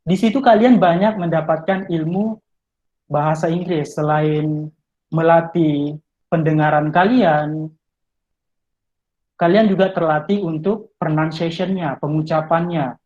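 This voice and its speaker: A male English tutor on a video call shares study tips, explaining step by step to listeners he addresses directly. His fairly high, darkish voice keeps a fairly even intonation at a somewhat slow pace with long pauses, and the highs are cut off.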